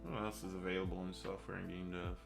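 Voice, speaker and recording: A man's voice: low voice, quick pace, creaky, music in the background. A man streaming his game development, talking casually to viewers and thinking aloud as he works. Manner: relaxed, thinking aloud, chatty asides to viewers. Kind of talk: casual live-stream chat.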